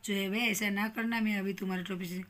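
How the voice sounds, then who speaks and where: A woman's voice: medium pitch, fairly even intonation, fast, fairly bright tone, natural voice. A woman teacher voicing grumpy male shopkeepers, a tailor and a king who shoo the mouse away. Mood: scolding. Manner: scolding, shooing away.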